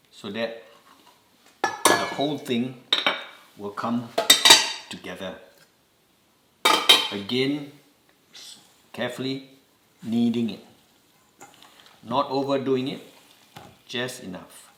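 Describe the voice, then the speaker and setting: A man with a Singaporean accent talks through a home baking recipe at a slow, patient pace. His instructions come step by step with gentle repeated reminders, and the voice is mid-pitched. The kitchen around him gives the sound a noticeably roomy echo. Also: a little hiss or hum. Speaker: home cooking host. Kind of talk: step-by-step cooking demonstration.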